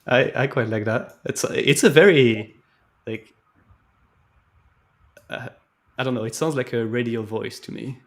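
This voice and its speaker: A man's voice: mid-range voice, unhurried, long pauses. Chatty man thinking aloud while coding. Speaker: live stream host. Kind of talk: casual coding walkthrough.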